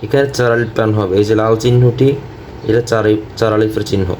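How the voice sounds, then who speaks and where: A man teaching Quran recitation step by step, explaining pronunciation rules patiently and repeating syllables slowly for learners to copy. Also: fairly low pitch, flat delivery, a little mellow, a little hiss or hum.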